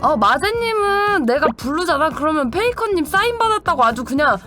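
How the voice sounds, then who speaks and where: Young streamer girl chatting w viewers, high pitched, laughs a lot, acts out fans' voices. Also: big pitch swings, fairly quick, bright, forceful tone, soft background music. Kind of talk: casual storytelling to viewers.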